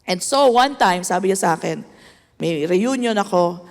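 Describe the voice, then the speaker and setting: Animated Filipino woman preaching. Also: lowish voice, moderate pace. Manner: mixes Tagalog and English, animated, asks the congregation for amens. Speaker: pastor. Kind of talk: sermon. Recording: echoey hall.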